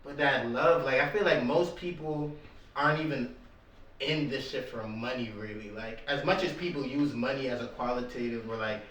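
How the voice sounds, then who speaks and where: Bright-voiced podcast host in an echoey room. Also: male voice, mid-range voice, moderate pace, slight background noise. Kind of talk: casual interview chat. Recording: echoey room, mic at a distance.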